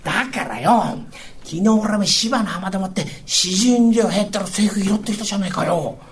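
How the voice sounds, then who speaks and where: A man doing a gruff Edo fishmonger husband. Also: high-pitched, normal speed, a little hiss or hum, close to an everyday voice. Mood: grumpy. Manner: gruff, boisterous, blustering. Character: rough, hard-drinking Edo fishmonger husband, lazy. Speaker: rakugo storyteller. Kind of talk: rakugo storytelling.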